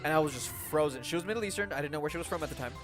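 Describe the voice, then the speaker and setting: On a live game stream, a young Mexican-American guy talks rapid-fire in a voice on the high side, with music playing in the background. His chatter is rambling and casual, packed with "like" and "um," and he laughs a lot.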